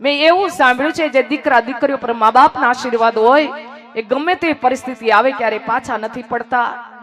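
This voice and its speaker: A woman storyteller voicing a poor, devoted elderly village mother who pleads in a raised, high voice. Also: fairly quick, lightly acted. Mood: pleading.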